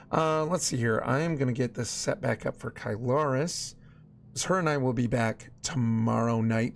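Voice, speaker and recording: A man's voice: medium pitch, vocal fry. Chatty male game streamer over music. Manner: chatty, family-friendly, exclaims at small things. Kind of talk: casual live stream chat while gaming.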